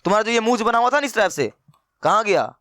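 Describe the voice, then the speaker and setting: High, clear-voiced math teacher. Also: male voice, big pitch swings, fast, pushed and bright, no room sound, clean studio sound. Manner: teasing, acts out students' replies, addresses viewers as brother. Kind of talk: playful classroom lecture.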